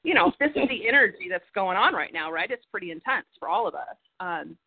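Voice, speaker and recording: A woman's voice: mid-range voice, lively intonation, a little fast, no room sound. A woman coaching and encouraging others on a group phone call, earnest and heartfelt. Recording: tinny phone line, dry.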